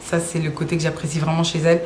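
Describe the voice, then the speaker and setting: A young singer from Brussels races through casual interview answers about her music in a low voice. There's slight background noise in the echoey room, and her manner is relaxed and slangy with many hesitations.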